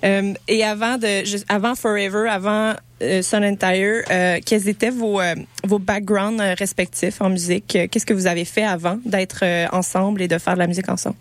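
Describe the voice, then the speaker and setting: A woman's voice: medium pitch, level tone, normal speed, hardly any pauses. A woman hosting an interview, asking questions in a conversational style. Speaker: interviewer, host.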